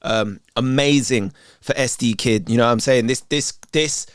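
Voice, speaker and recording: A man's voice: medium pitch, moderate pace, clear, resonant tone, no echo, studio quality. Chatty man giving a reaction. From England. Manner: chatty, streetwise, says "you know what I'm saying" often. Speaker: reaction video host. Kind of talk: casual reaction commentary.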